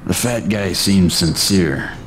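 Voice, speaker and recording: An actor playing a grim, menacing vigilante in a video game, deadpan, terse and gravelly. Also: male voice, takes it slowly, slight background noise. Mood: curt, dismissive. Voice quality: deep and gravelly. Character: grim, menacing male vigilante, curt and sardonic. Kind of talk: video game cutscene acting. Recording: loud game music behind the voice.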